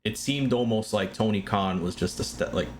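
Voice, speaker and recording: Male wrestler guest, low voice, opinionated podcast chat, faint hiss behind. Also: moderate pace. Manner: opinionated, animated when mimicking others.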